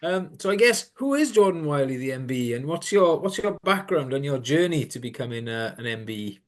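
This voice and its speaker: Male podcast host, hesitant, chatty, mid-pitched voice. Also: big pitch swings, a little fast. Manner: hesitant, many fillers and restarts. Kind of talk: conversational interview.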